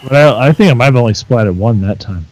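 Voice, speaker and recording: A man's voice: mid-range voice, expressive, a little fast, darkish tone, no room sound, soft background music, poor audio. A man co-hosting a podcast, chatting casually and self-deprecatingly while playing a video game, swearing now and then. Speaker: podcast co-host.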